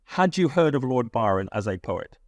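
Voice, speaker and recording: A man explaining a mentalism card routine in a relaxed, wry way, with asides. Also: medium pitch, moderate pace, no room sound, clean studio sound. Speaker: magic instructor. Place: London studio.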